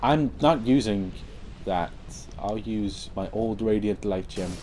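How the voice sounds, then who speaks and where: A young man giving casual let's-play commentary on his game, sarcastic and swearing, with sudden loud outbursts at the game. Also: on the low side, slow, noisy background. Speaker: gameplay commentator.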